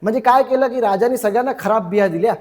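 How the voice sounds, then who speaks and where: A man teaching English through a story, explaining each word slowly and repeating its meaning, chatty and checking in with his listeners. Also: high voice, a little mellow, in a large hall. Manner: chatty, checks in with "ठीक आहे".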